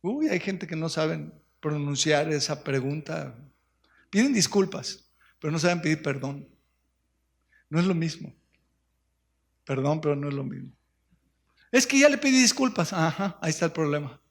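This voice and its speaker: A man's voice: a little high, moderate pace, vocal fry, pauses often. A man preaching a sermon in a church, emphatic and full of rhetorical questions. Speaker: pastor. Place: church sanctuary.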